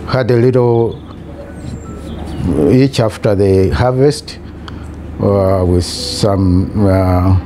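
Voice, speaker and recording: A middle-aged man from Kenya with a Kenyan accent, giving a personal account in a halting, hesitant way with long pauses. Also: fairly low pitch, dark tone, slight background noise. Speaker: patient giving a testimonial. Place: small hospital room, in bed. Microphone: lapel mic. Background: music.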